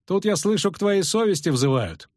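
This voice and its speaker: A man voicing a leering young male bandit who teases and sneers, with a husky voice. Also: high-pitched, expressive, moderate pace, no room sound, studio quality, pitched above the performer's own voice. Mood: mocking. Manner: sneering, teasing.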